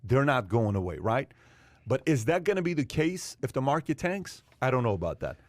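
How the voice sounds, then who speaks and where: Male podcast host, mid pitch, dry close studio sound, emphatic storyteller. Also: moderate pace, no room sound. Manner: animated storyteller, repeats points for emphasis. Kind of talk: casual panel chat.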